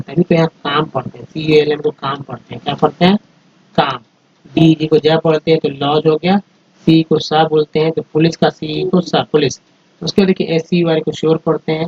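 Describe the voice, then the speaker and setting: A man teaching English phonics over slides, patiently spelling out letters and sounding out words one by one. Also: a little high. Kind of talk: slide-based phonics lesson. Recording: dull lo-fi recording.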